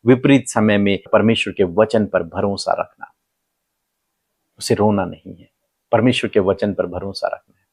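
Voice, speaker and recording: A middle-aged male pastor preaching a sermon with impassioned repetition. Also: breathy edge. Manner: impassioned, repeating phrases, pitch leaping up for emphasis.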